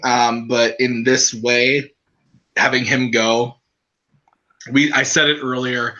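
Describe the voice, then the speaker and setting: A man's voice: medium pitch, pushed and bright. A man hosting a casual podcast, recapping scenes and steering the talk. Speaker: host. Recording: dull lo-fi mic.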